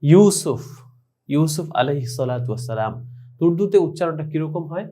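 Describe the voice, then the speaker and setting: A man with a fairly high, expressive voice and a dark tone teaches a language class online. Speaking directly to his students, he spells words slowly, letter by letter and syllable by syllable, and explains how they are pronounced.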